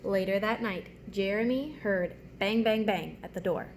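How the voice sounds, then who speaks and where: An elementary school teacher reads aloud to young children and explains things simply during a read-aloud and writing lesson. Her voice is medium-pitched at a normal speed, with faint background noise in the recording.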